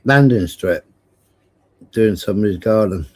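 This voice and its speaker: A man's voice: fairly low pitch, unhurried. A British man in casual chat, blunt and sweary, with a teasing streak. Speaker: live stream panellist.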